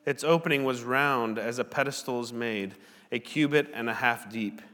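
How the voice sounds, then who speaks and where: Male pastor at a pulpit mic, mid-range voice, steady deliberate reading, big reverberant sanctuary. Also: mid-range voice. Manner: measured, deliberate reading aloud. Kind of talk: sermon with scripture reading. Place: church sanctuary. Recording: long church hall reverb.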